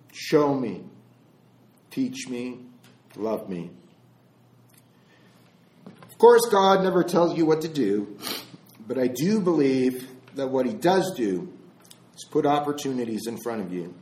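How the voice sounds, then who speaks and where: A man giving a slow, deliberate spiritual talk, pausing between phrases and telling a parable. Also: fairly high pitch, darkish tone. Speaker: spiritual speaker. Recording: roomy echo.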